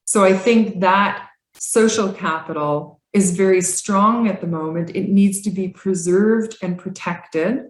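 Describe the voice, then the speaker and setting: A woman's voice: mid-range voice, unhurried, hardly any pauses. A woman professor answering an interview question thoughtfully, with fillers. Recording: roomy echo.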